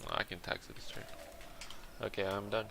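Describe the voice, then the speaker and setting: A man's voice: lowish voice, wildly swooping pitch, fairly quick, creaky, bright, forceful tone, slight background noise. A man playing a strategy game and talking through his moves aloud in casual commentary. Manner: muttering his plans aloud as he plays. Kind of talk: casual let's-play commentary.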